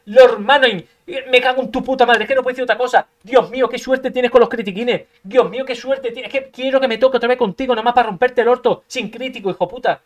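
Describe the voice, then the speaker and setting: A man from commentating his own card game match, talking to himself, swearing a lot, making sound effects and breaking into frustrated outbursts. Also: extremely high pitch. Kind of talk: gameplay commentary.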